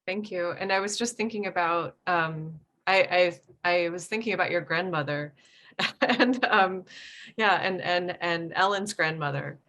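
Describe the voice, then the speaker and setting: A woman's voice: lowish voice, measured pace, fairly bright tone. A woman moderating an artists' panel, appreciative and rambling as she poses questions. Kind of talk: panel discussion.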